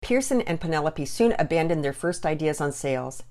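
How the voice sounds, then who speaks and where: A woman narrating a children's storybook in an expressive, gently animated reading. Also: deep voice, brisk.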